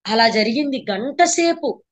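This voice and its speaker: A woman's voice: high-pitched, expressive, measured pace. A woman meditation teacher giving a spiritual talk to a class, telling her story earnestly and repeating phrases for emphasis. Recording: slightly dull lo-fi recording.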